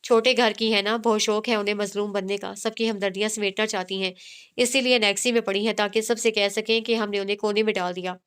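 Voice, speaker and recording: A woman's voice: mid-range voice, fairly even intonation, fairly bright tone, smooth, natural voice. Woman voicing a possessive, scornful young man. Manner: scornful, commanding. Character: young male cousin, possessive and short-tempered.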